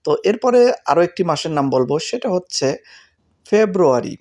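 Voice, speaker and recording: A man's voice: high-pitched, big pitch swings, fairly quick, a little mellow. A man with a Bangladeshi Bengali accent teaching vocabulary in a casual spoken lesson, saying each word again and again so learners can memorize it. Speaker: language teacher.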